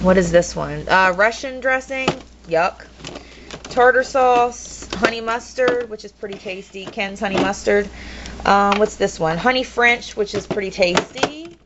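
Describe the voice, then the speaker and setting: Young woman slowly rambling through a tour. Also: fairly high pitch. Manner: rambling, frequent ums, blunt food opinions. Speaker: vlogger. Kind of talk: casual home tour narration. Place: kitchen at home. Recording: dull lo-fi home video with noise.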